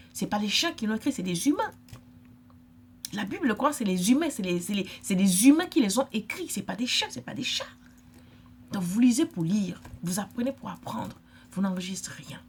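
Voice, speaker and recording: A woman's voice: a little high, a little hiss or hum. A middle-aged woman from Africa, giving an emphatic, lecturing vlog monologue and repeating her points. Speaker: vlogger.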